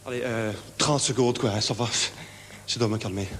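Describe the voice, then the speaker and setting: Actor doing a high-strung Belgian insomniac, rambling with tics, live in a reverberant theatre. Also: male voice, steady tone, moderate pace, a little hiss or hum, natural voice. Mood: nervous. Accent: Belgian French. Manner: fidgety, rambling, full of verbal tics. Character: nervous naive lonely insomniac man. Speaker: stage comedian. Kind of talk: one-man stage show. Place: theatre stage with live audience.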